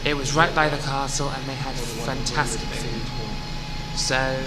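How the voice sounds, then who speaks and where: A man's voice: mid-range voice, fairly even intonation, slow, over loud music, rough recording. A man narrating a casual travel vlog from buses and town streets, chatty and reflective in tone. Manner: chatty, warm-hearted and reflective. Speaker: bus travel vlogger. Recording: loud vehicle and street noise.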